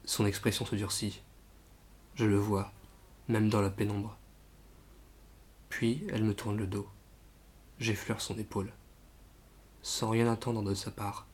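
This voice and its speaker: A man reads a first-person novel aloud. His voice sits fairly low. His delivery is emotional and often near tears. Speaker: audiobook narrator.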